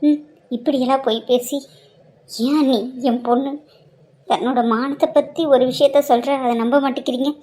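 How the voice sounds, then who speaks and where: A woman's voice: sits high, steady tone, normal speed. A woman voicing a middle-aged mother who angrily defends her daughter. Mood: angry. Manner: forceful, accusing.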